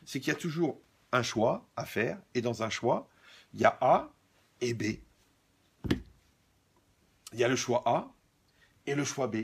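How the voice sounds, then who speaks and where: A man delivers a humorous sermon as a religious teacher. His voice is gravelly and husky, and his delivery is wry and teasing, full of stories and asides to the audience. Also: mid-range voice, very animated, a little slow, long pauses.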